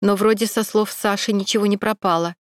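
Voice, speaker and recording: A woman reading a calm male cameraman who soothes and explains. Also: medium pitch, fairly quick, dry recording, clean studio sound, lightly acted. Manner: soothing, matter-of-fact.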